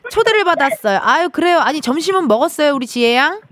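A woman's voice: sits high, lively intonation, fast, a bit bright. A woman hosting a radio show, chatting playfully with a young caller in a teasing, cheering manner. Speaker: radio host. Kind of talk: casual on-air chat with a caller. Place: radio studio.

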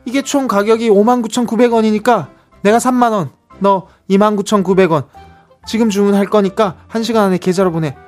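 A bossy middle-aged older sister who barks orders at her younger sibling, played by a man. The voice sits very high and the words come out in a quick, brusque stream. Soft music plays under this radio comedy skit. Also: fairly even intonation, natural voice.

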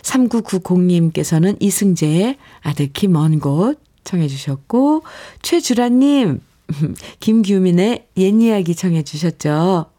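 A middle-aged woman hosting a radio show, reading a poem and listeners' letters in a gentle way and laughing often. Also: fairly low pitch, animated, unhurried. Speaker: radio host. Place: radio studio. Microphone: studio microphone.

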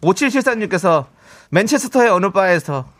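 Lively-voiced male radio host. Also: sits high, moderate pace. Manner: upbeat, reads out listener texts. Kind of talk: casual radio chat.

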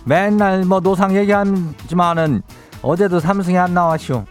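A radio host with a Chungcheong Korean accent, talking in a slow, folksy drawl as he hands out teasing, homespun advice. His voice sits a bit high for a man. Soft music plays faintly behind him. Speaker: radio host reading listener messages. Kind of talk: folksy radio call-in chat.

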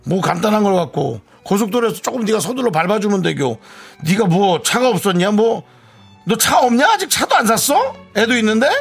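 A man's voice: sits high, expressive, brisk, creaky, slightly rough, soft background music, full character voice. A man playing a pushy, self-centered friend in a radio skit, fawning to guests and whiny to his friend.

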